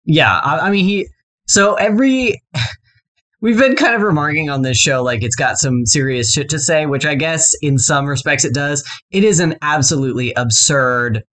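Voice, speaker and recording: A man's voice: fairly high pitch, moderate pace, a bit bright. A man co-hosting a casual podcast stresses his points by piling up descriptive words one after another. Fillers still creep in between. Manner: emphatic, stacking descriptive words. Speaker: podcast co-host. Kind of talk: casual chat reviewing a show.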